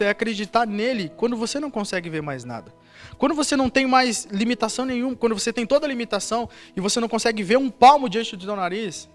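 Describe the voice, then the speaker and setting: Brazilian male pastor, high register, emphatic storytelling sermon, faint music behind. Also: fairly bright tone. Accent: Brazilian Portuguese. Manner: storytelling preaching with repeated emphatic words. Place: church service.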